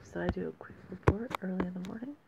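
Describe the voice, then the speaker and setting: Speaking haltingly and pausing as she thinks aloud, a woman gives unscripted, casual commentary as host of an amateur weather report. Her voice is lowish and creaky, and the recording sounds dull and lo-fi, with a bit of faint noise.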